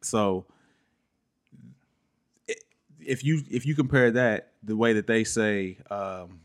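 A man co-hosting a podcast, talking haltingly and restarting as he searches for words in a casual debate. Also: lowish voice. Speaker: podcast co-host.

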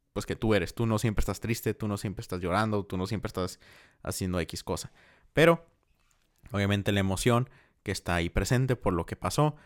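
Young man, casual rambling podcaster. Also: on the low side. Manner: rambling, reflective, many fillers. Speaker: podcast host. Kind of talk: casual book-review monologue.

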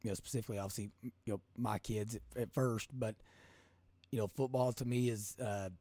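A man with a Kentucky accent and a hoarse smoker's rasp, hosting a casual podcast in a folksy, rambling, colloquial way. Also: lowish voice, fairly even intonation, brisk, warm tone, no room sound. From Kentucky, United States. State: hoarse from coaching. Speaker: podcast host.

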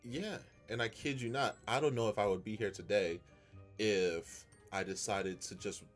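A man with a fairly low voice tells a story in a relaxed podcast chat. He talks earnestly and often restarts his sentences. Faint music plays underneath. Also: normal speed. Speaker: podcast co-host. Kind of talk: casual chat.

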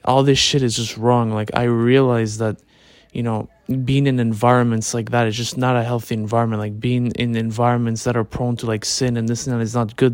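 A man talking in a relaxed way, as if lying in bed, in a casual, reflective late-night monologue with informal slangy phrasing. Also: medium pitch, no echo. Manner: informal slangy talk with swearing. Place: in bed at home.

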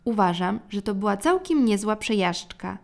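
A woman's voice: medium pitch, lively intonation, normal speed, creaky. A woman voicing a cautious, grumbling father in a storybook, exclaiming fussily.

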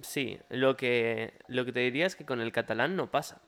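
Male podcast host with a Spain Spanish accent, mid-pitched, jokey storyteller. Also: moderate pace, a bit bright, smooth. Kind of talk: casual conversation.

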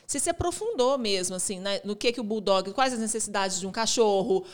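Uma mulher apresentadora de um programa de entrevistas, fazendo perguntas com entusiasmo. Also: female voice, mid-range voice, expressive, fairly quick. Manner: enthusiastic, affirming interviewer. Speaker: host. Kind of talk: casual chat.

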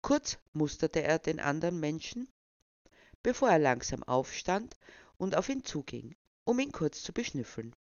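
A storyteller reading a short story aloud in an even, measured way. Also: medium pitch, dry recording. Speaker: narrator. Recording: dull, dry recording.

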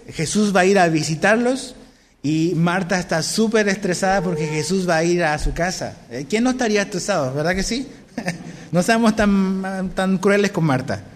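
A man preaching a sermon as pastor, conversational and often asking his listeners questions. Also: sits high. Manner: conversational, asks the congregation questions. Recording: long hall reverb.

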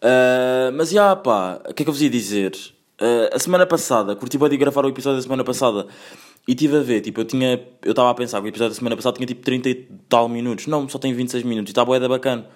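A man's voice: medium pitch, very fast. A man in his twenties from Angola, hosting a casual solo podcast from home in a loose, chatty way, full of slang and sprinkled with English phrases. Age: 20s. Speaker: podcast host.

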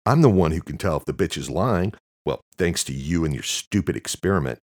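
A man with a very deep voice playing a crude, quick-tempered young male artist who swears and shouts when angry. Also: lively intonation, vocal fry, no room sound, studio quality, heavily acted. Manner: profane, sarcastic, shouting in anger.

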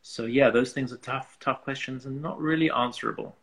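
A man from England with an English accent and a gravelly, slightly husky voice, talking earnestly and reflectively as an interview guest, working out thoughts in broken phrases. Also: medium pitch, normal speed, fairly bright tone. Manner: earnest, searching, thinks aloud in broken phrases. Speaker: interview guest, musician and artist.

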